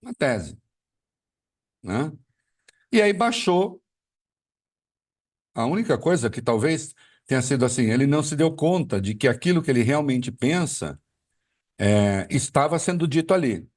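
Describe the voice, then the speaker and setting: A man's voice: medium pitch, very animated, measured pace, pauses often, a little mellow, distant mic. A man giving live political commentary, arguing with rhetorical questions and frequent fillers.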